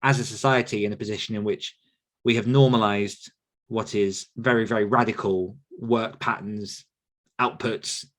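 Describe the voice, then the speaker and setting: On the low side and a bit bright, his voice holds fairly even intonation at normal speed. He's a podcast host and author coach in a casual Q&A, answering thoughtfully while searching for words and correcting himself.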